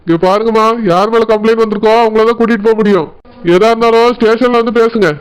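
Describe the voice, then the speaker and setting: Cartoon cop, stern and threatening, rapid and squeaky-high, voiced by a man. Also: steady tone, clean tone, natural voice. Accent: Tirunelveli Tamil. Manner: firm, threatening. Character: stern brisk village policeman.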